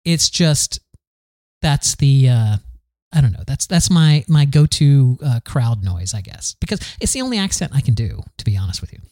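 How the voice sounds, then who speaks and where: A man's voice: mid-range voice, sing-song, normal speed, a little mellow, dry recording, studio quality. A man from the American South hosting a podcast, talking in a candid, rambling solo monologue full of restarts. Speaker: podcast host.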